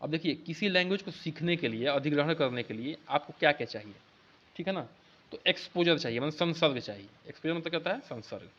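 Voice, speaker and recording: A man teaching an exam-prep lesson in Hindi, explaining each answer and reading the English questions out slowly, word by word. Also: a little high, lively intonation, a bit bright. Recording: dull lo-fi sound.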